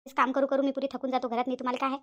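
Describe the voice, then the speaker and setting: A woman's voice: high voice, monotone, rapid-fire, lo-fi sound, pitched below the performer's own voice, close to an everyday voice. A woman voicing an indignant young daughter-in-law in a cartoon, with a Vidarbha Marathi accent. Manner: indignant, defensive. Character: young daughter-in-law, defensive and sharp-tongued. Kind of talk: cartoon voice acting.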